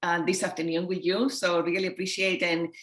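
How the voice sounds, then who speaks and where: A woman in her fifties from Chile with a Chilean Spanish accent, a technology executive speaking in a measured way with many fillers on a video call. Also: on the low side, level tone. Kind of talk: panel talk on a video call. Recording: roomy echoey sound.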